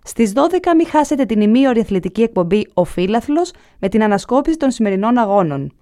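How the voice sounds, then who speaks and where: A woman presents the evening programme as a television announcer. She reads her script in a formal, measured broadcast manner. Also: fairly high pitch, very animated, mellow.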